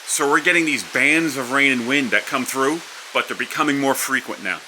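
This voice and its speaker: A man's voice: medium pitch, moderate pace, bright, forceful tone, poor audio. A man narrating a casual vlog outdoors from under a house porch during a storm. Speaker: vlogger. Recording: wind, rain and hiss behind voice.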